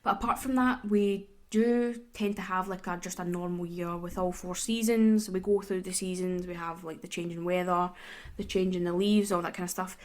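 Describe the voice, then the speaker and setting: A woman's voice: on the low side, steady tone, moderate pace, darkish tone. A woman with a Glaswegian Scottish accent, hosting her podcast in a casual, rambling chat full of "kinda" and "like". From Glasgow, Scotland. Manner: chatty and rambling, with many "kinda" and "like" fillers. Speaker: podcast host.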